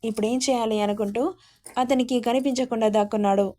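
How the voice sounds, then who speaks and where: Mellow woman telling a story. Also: on the high side, steady tone, quick pace. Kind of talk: scripted story narration.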